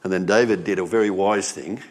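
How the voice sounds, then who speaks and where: Low-voiced man preaching conversationally. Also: fairly quick. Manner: conversational preaching, with rising emphatic repetitions. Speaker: pastor. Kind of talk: sermon.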